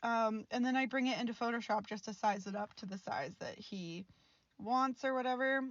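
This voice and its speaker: A woman's voice: a little high, moderate pace, no echo, dull audio. A woman in her twenties, an art student, rambling frankly over her art footage in a casual, mildly exasperated voice-over and laughing often. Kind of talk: casual chatty voice-over vlog.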